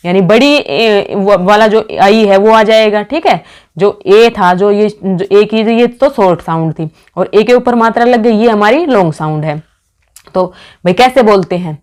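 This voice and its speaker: A woman teaching an exam-prep phonetics lesson at a middle pitch. She talks to her students as friends and keeps asking questions that she answers herself. She reads out example words one at a time. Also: a little mellow, clear, resonant tone. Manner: calls the class "friends", asks questions and answers them herself.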